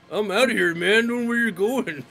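A laid-back stoner dude drawls through every line, as a man puts him on. His voice sits a touch high. Faint game music plays underneath. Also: gravelly, pushed and bright, full character voice. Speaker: gamer.

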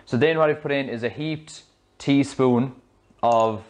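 A man in his thirties with an Irish accent, a fitness coach talking through a smoothie recipe in his home kitchen on a clip-on mic, chatty and explanatory. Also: medium pitch, unhurried, slight background noise. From Ireland. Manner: chatty, explanatory, loose restarts. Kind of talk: casual cooking demonstration. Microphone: small clip-on mic.

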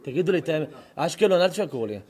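A rabbi gives an animated sermon, teasing and questioning his live audience directly. His fairly high male voice carries the talk in a hall full of listeners. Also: slightly rough. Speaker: rabbi, preacher. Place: lecture hall or synagogue with an audience.

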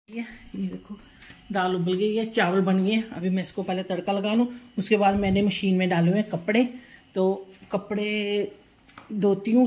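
A woman's voice: mid-range voice, a little mellow. Middle-aged lady rambling on while cooking, casual home vlog, phone mic. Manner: chatty, rambling, talks while doing chores. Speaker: vlogger. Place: home kitchen.

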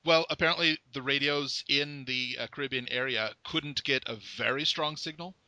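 A man's voice: medium pitch, moderate pace, bright, forceful tone, no room sound. A man hosting an interview, chatting casually and joking with his guest. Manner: joking, conversational. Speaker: podcast host.

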